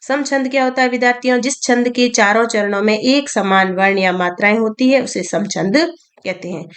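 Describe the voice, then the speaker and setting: A woman of medium pitch explains grammar to students unhurriedly, repeating central terms. She asks questions aloud and supplies the answers herself.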